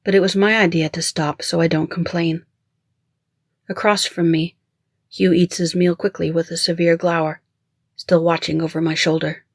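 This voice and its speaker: An author reading their own mystery-thriller audiobook in first person, with a measured, even storytelling manner, recorded close to the mic. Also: mid-range voice, no echo. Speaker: author and narrator.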